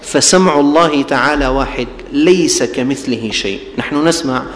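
A man delivering a colloquial sermon, slowing for emphasis and acting out the people he quotes. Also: medium pitch, a bit bright, a little hiss or hum. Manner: colloquial, acts out quoted people, shifts between slow emphasis and quick asides. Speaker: preacher. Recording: roomy hall with faint ambience.

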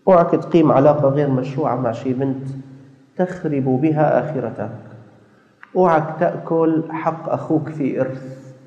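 Male preacher, mellow tone, lively storyteller, muffled hall recording. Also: medium pitch, normal speed. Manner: storytelling, quoting dialogues, exhorting. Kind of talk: sermon. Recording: echoey hall, dull lo-fi sound.

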